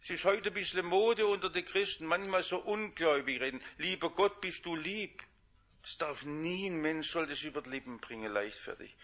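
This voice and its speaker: A man preaching a sermon, shifting between loud emphatic lines and hushed quiet ones. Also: fairly high pitch, brisk, few pauses, dull audio.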